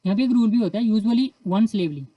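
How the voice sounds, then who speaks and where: In this lo-fi clip, a woman with an Indian accent explains English grammar in Hindi, step by step, reading the English examples at a slow pace. Her voice is a little high and mellow, with lively intonation and no echo.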